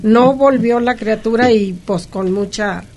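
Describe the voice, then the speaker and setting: A middle-aged woman with a Mexican accent recounts her experiences in an animated, conversational way. Her voice sits a little high for a woman. She tells each anecdote in a lively manner. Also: measured pace, over a noisy crowd. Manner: animated, lively anecdotal telling with frequent laughs. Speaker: interviewee. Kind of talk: conversational storytelling.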